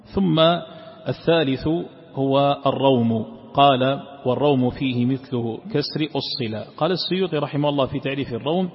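Man teaching in a reverberant hall. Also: medium pitch. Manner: explains slowly, demonstrating verses in chanted recitation. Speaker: sheikh teaching Quran sciences. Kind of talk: classroom lesson explaining recitation rules. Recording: dull lo-fi recording with long hall reverb.

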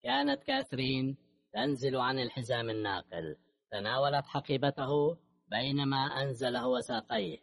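A man narrating an audiobook novel in a steady, measured reading voice. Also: mid-range voice, vocal fry. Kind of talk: scripted narration.

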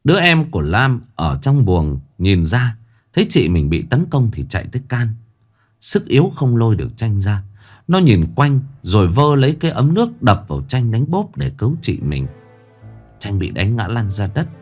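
A man narrating a dramatic ghost story in an expressive way. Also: medium pitch, normal speed, faint music behind.

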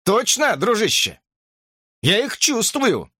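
A man's voice: high voice, wildly swooping pitch, slow pace, sharp tone, slightly rough, no room sound, studio quality, pitched above the performer's own voice, exaggerated voice. A man reading an audiobook, voicing an agitated, sleep-deprived young man who pleads and erupts in outbursts. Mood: anxious. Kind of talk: audiobook character voice.

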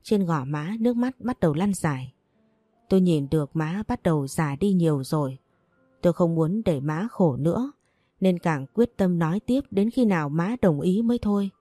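A woman narrating a first-person story in a gentle, measured way. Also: on the low side, lively intonation, dry recording, faint music behind.

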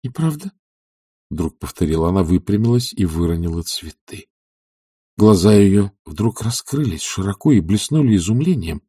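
Deep-voiced man reading an audiobook. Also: animated, moderate pace, dark tone, breathy edge, no echo, clean studio sound. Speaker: audiobook narrator.

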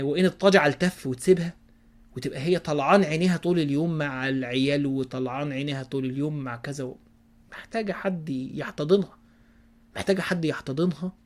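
A man preaching in casual Egyptian Arabic who gives folksy advice and checks in with his listeners, now and then dropping to a hushed voice. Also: mid-range voice. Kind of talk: casual religious advice talk.

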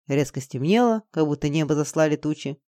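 A reader narrating a fantasy audiobook in an even, dramatic storytelling manner. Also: mid-range voice, brisk, no echo, studio quality.

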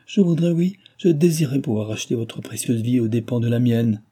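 A man's voice: mid-range voice, animated, fairly quick, dark tone, slightly rough. A man voicing a distraught young woman who pleads and sobs at a sick friend's bedside. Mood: anguished. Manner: pleading, sobbing, exclamatory.

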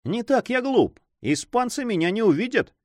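A man's voice: very high-pitched, very animated, moderate pace, darkish tone, dry recording, pitched above the performer's own voice. A man voicing a bold, brash young male adventurer in a read-aloud story, dry close sound. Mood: confident. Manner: brash, self-assured.

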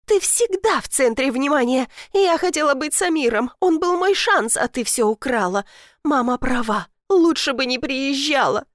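A woman's voice: high-pitched, lively intonation, moderate pace, no echo, studio quality, voice pushed up. A woman voicing a jealous young woman, the younger sister in an audiobook, her voice trembling with rage. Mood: bitter, tearful.

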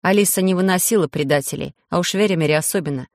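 A man narrating an audiobook in steady storytelling, acting out the voices. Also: high voice, fast talker, gravelly, dry recording, studio quality. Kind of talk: scripted narration.

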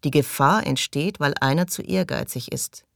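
A woman's voice: deep voice, normal speed, creaky, dry recording, studio quality. A woman reading an audiobook and voicing a reserved, wary man who sees himself as an outsider.

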